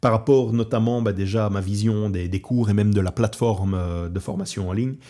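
Un homme originaire de Belgique qui parle de son projet de barbecue dans un podcast décontracté, avec beaucoup d'hésitations et de « euh ». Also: male voice, on the low side, a little fast, dark tone. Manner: hesitant, many fillers and restarts. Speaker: podcast host and barbecue trainer. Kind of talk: casual podcast talk. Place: Portugal.

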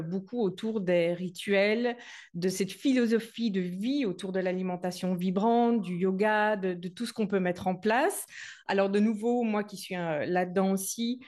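A woman podcast host, asking questions in a casual, enthusiastic way. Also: mid-range voice. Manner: warm enthusiastic interviewer, quick agreement. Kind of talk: casual interview conversation.

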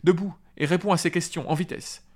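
A man's voice: high voice, steady tone, fairly quick, voice pushed up. A man voicing a kind but firm young male hobbit, reassuring a friend.

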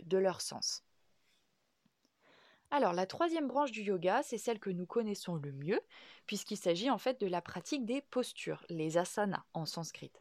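Woman podcast host, calm, measured teacher, dry close sound. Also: medium pitch, dry recording. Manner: calm, measured, with frequent "euh" and "donc". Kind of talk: explanatory podcast monologue.

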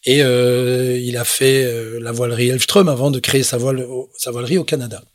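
Middle-aged man from France, rambling interview storytelling, mid pitch, dry close sound. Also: fairly even intonation, a little fast, dry recording. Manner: rambling, many fillers and restarts. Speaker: sailor and sailmaker, guest.

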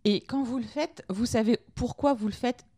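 A woman's voice: on the high side, moderate pace, mellow, breathy edge, no room sound. A woman hosting an informal lesson, explaining ideas conversationally and asking her listeners direct questions. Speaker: podcast host teaching lean management.

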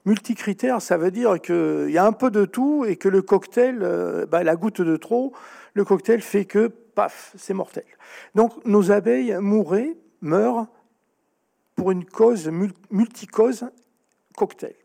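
A man speaking as a guest author in an interview, explaining at length with animated storytelling and frequent restarts. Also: high voice, slow, creaky.

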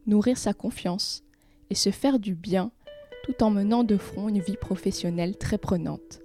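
Woman, podcast host, measured and clear, warm tone. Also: medium pitch. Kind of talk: scripted podcast intro and interview.

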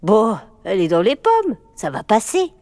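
A woman's voice: mid-range voice, wildly swooping pitch, normal speed, darkish tone, dry recording, voice pushed up. A woman voicing a weary, blasé old school nurse who talks in an offhand, dismissive way. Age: older.

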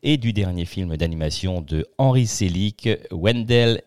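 A man's voice: sits low, animated, unhurried, a little mellow, clean tone. A man with a noticeable accent hosting a casual film podcast in French, cheerful and welcoming. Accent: non-local French accent. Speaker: podcast host.

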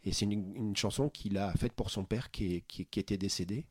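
A man, a podcast host, talking earnestly about his interviews in a warm, heartfelt way, often restarting his sentences. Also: fairly low pitch, brisk, slightly rough, dry recording, studio quality. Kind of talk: conversational interview storytelling. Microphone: studio microphone.

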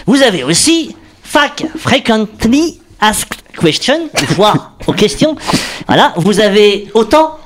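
A man's voice: high voice, sing-song, slow pace, a little hiss or hum. A man delivering an explanatory radio column in a studio, joking and restarting as he goes. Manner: explanatory, jokey, thinks aloud with restarts. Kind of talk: radio chronicle on acronyms.

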